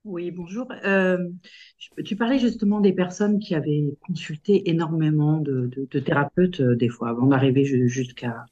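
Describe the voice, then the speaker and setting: A woman's voice: sits low, normal speed, mellow, muffled recording. Woman, therapist, hesitant, many fillers, searching for words, asking a question. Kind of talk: question in a group session.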